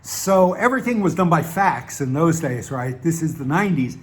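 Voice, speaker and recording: His voice is on the high side with lively intonation and a moderate pace, and his accent is Southern American, as he hails from the Southern US. As a channel host, he delivers a wry, meandering casual monologue stuffed with fillers and restarts.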